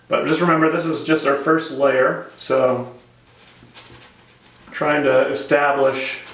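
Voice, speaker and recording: A man teaching painting step by step in a gentle, informal, encouraging way. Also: fairly high pitch, steady tone, slow pace. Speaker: painting instructor. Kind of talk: casual step-by-step painting tutorial. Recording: echoey room, distant microphone.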